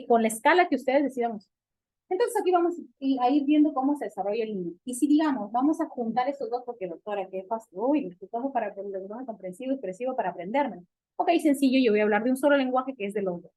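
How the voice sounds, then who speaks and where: Animated Peruvian woman doctor lecturing. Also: high voice. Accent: Peruvian Spanish. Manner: animated, asks and answers her own questions. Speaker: physical medicine doctor lecturing on child development. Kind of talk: medical lecture.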